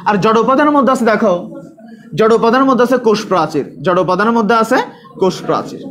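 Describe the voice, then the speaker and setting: A man with a Bangladeshi Bengali accent teaches in a high, lifted voice. He keeps quizzing his students and answering his own questions. He spells out hard names slowly for them to repeat. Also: expressive. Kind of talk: online exam-prep class.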